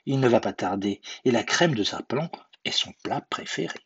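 Man putting on a high, bouncy little mouse voice, clever and cocky, dull lo-fi storybook recording. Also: normal speed, breathy edge. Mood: boastful. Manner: lively, playful. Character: small clever bold mouse.

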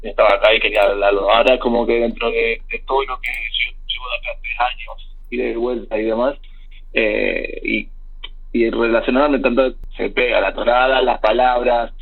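A young Argentine man, his voice slightly husky and mid-range, tells his story as a guest on a remote interview, speaking in a level tone at a moderate pace with an Argentine Spanish accent. He wanders through his thoughts, full of fillers and restarts, over a thin, tinny, phone-like line.

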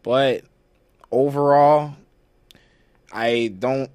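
A man's voice: medium pitch, drawn-out words, smooth, no echo. Slangy young man, dry close sound. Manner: slangy, swearing, rambling and excitable. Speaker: podcast host. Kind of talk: casual chat.

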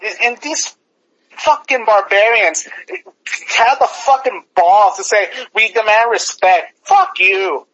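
A man calling in over the phone, ranting furiously and swearing, with bursts of shouting. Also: high voice, animated, takes it slowly, slight background noise. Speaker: caller. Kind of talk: angry phone rant. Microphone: phone on speaker. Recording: lo-fi phone line.

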